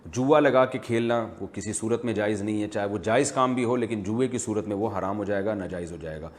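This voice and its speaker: Calm, measured male Islamic scholar. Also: fairly low pitch. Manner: measured, explanatory, teacherly. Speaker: Islamic scholar answering viewer questions. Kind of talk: religious Q&A lecture.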